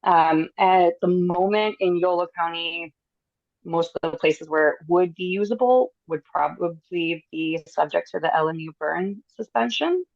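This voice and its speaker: A woman giving a businesslike meeting update over a video call, with a spotty, breaking-up connection and frequent "um" pauses. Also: lowish voice, creaky, no room sound. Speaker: conservation district staff giving an update. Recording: dry, muffled video call audio.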